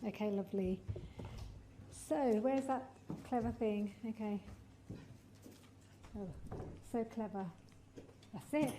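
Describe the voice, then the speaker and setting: A woman's voice: mid-range voice, slow, long pauses, warm tone, a little hiss or hum. A woman giving an informal conference presentation in front of an audience, with a hesitant delivery punctuated by frequent ums. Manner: addressing an audience, checking they can hear. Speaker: director of studies giving a conference talk.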